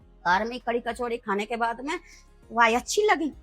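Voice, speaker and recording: A woman's voice: on the high side, animated, normal speed, a bit bright, soft background music, rough recording. A middle-aged woman street food vendor telling her story earnestly in an interview, acting out the dialogue. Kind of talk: emotional personal interview.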